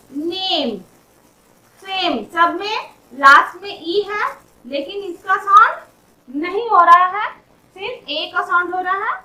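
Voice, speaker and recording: A woman teaching English pronunciation, saying each word slowly and repeating it, then giving its meaning. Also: extremely high pitch, sharp tone, poor audio. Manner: slow, careful, repeats each word several times with its meaning. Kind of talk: explaining pronunciation rules.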